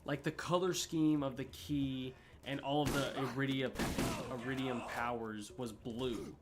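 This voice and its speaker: A man's voice: medium pitch, steady tone, a little slow, heavy background noise. A young man chatting casually while gaming, rambling with many fillers and restarts. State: hiccups. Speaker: gaming streamer. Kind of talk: casual rambling review chat.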